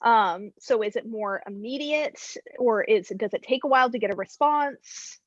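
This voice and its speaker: A woman's voice: a little high, normal speed, no room sound, dull audio. A woman chatting casually as a player in a tabletop role-playing game, sometimes speaking in character.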